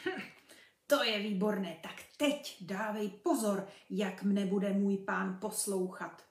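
A woman's voice: medium pitch, steady tone, lightly acted. A woman voicing a friendly, boastful male hunting dog who is eager to show off, in a children's storybook reading. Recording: roomy, from a distance.

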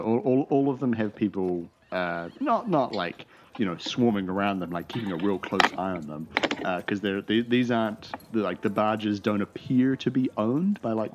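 A man's voice: fairly low pitch, a little mellow. A man running a tabletop game as game master, narrating with frequent restarts and hesitations. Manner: halting, many restarts. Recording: dull lo-fi mic with faint hiss.

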